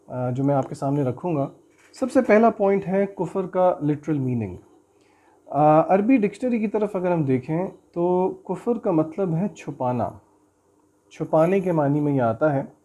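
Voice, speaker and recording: A man teaching a Quran recitation and tafseer lesson, chanting verses slowly and melodically, then explaining them in quick conversational speech. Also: on the high side, warm tone.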